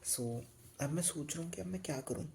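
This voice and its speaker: A young man in his late teens with an Indian accent, chatting casually in a night-time study vlog. He speaks softly and slowly, sleepy and tired, and rambles a little. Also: on the high side, gravelly, slight background noise. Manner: speaks softly and slowly so as not to wake others; drifts between two languages, rambling and tired. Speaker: student vlogger.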